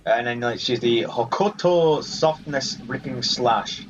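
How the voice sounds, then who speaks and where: A man with a mid-range voice speaks slowly, giving loose, rambling let's-play commentary on a video game. The audio is muffled, with the game's music playing underneath.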